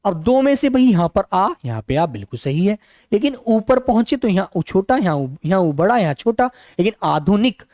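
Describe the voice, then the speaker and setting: Male tutor, sore hoarse throat, calm and fond with students, dry close sound. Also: high-pitched, no echo. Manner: calm, unhurried, affectionate to students. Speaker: teacher. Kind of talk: online exam-prep class.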